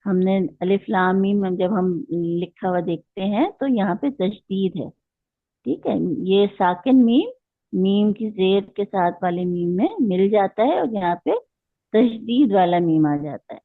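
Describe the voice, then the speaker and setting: A woman's voice: medium pitch, lively intonation, unhurried, dry recording. A woman teaching a Quran recitation class, patiently explaining rules step by step and asking her students questions. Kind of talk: online class lecture. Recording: tinny phone-like line.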